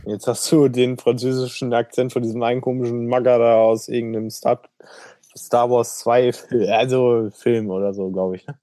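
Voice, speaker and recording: A man's voice: medium pitch, little pitch movement, normal speed, mellow, no echo. A man co-hosting a casual podcast, talking bluntly and coarsely as he riffs on ideas. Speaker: podcast co-host.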